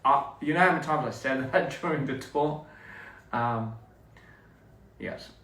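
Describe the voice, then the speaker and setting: This livestreaming artist, a young Australian whose native language is English, keeps a measured pace in a mid-range voice while he rambles with fans. He sounds relaxed and laughs between lines. The room echoes, and the phone mic sits at a distance.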